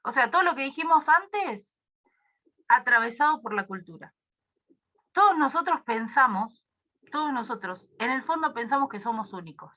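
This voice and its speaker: A woman's voice: sits high, lively intonation, moderate pace, bright, forceful tone, dull audio. A young woman with a Rioplatense Spanish accent, tutoring a review class casually with many fillers and asides.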